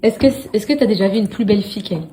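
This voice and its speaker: A woman vlogging casually on her phone at home, chatty and excitable, talking straight to her followers and laughing often. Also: medium pitch, very fast, a little hiss or hum. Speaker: lifestyle vlogger. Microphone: phone held at arm's length.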